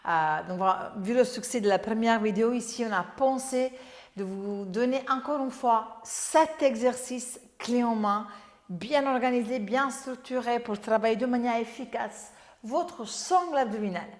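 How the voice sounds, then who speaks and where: A woman instructor leading a Pilates workout, upbeat, giving brisk exercise and breathing cues. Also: on the high side. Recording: echoey room with long reverb.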